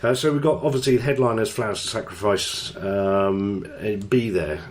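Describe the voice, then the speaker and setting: A man's voice: fairly low pitch, moderate pace, a little hiss or hum. A man hosting a radio show, chatting casually and joking at his own expense. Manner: chatty, self-deprecating. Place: radio studio.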